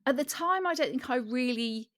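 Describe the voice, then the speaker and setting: A woman from England co-hosting a podcast, chatting casually with halting restarts and frequent agreement. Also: high-pitched, animated, fairly bright tone, no echo, studio quality. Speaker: podcast co-host. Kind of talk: casual chat.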